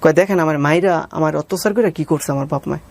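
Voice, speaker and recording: Speaking fast in a slightly high, gravelly voice, a man with a Bangladeshi accent shares his own story as an interview guest. He is deferential, addresses the interviewer as "sir," and re-enacts conversations along the way. There is no room sound.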